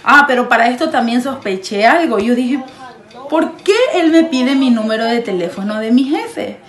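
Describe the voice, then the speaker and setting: Woman recounting a story to the camera, chatty and expressive, somewhat high voice, roomy sound. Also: moderate pace. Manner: acts out quoted lines, laughing often. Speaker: fiancée telling her story. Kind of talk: animated casual storytelling.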